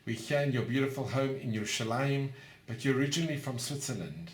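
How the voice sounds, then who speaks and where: A man conducting an oral history interview in his interviewee's home, asking short, gentle follow-up questions. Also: mid-range voice, quick pace. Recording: roomy echo in a home.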